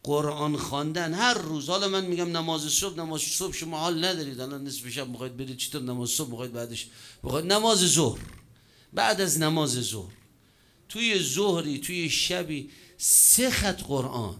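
A man preaching a sermon, telling a story with joking asides and sudden shifts in pace and loudness. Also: on the high side, animated.

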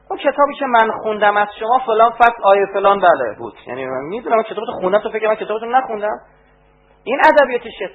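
A man giving a religious lecture, animated and rising to emphatic outbursts. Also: high-pitched. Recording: tinny phone-like band with faint hum.

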